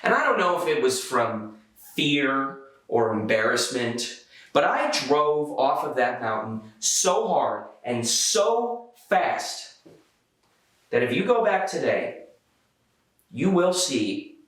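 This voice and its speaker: A man in his twenties telling a stand-up comedy story in a theatrical, exasperated way with dramatic pauses. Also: mid-range voice, very animated, a bit bright. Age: 20s. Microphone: handheld microphone. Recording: very echoey, somewhat distant sound.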